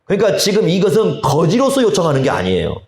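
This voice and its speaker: A male pastor preaching a sermon, slow and deliberate, often asking the congregation rhetorical questions. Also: high voice, wildly swooping pitch, a little mellow. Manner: slow, deliberate delivery with drawn-out phrases. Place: church sanctuary. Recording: echoey church hall.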